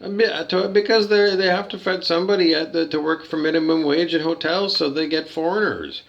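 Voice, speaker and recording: A hotel guest reviews his loot bag in a dull lo-fi recording, his fairly high voice moving a little fast with fairly even intonation. He rambles hesitantly through a complaint rant, repeating himself and swearing when riled.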